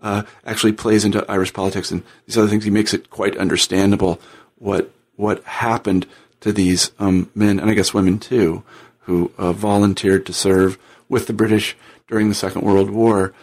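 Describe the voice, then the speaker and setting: A man's voice: on the low side, level tone, a little mellow. A man with an American accent hosting an interview podcast, conversational and often repeating words as he feels his way. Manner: halting, repeats words as he goes.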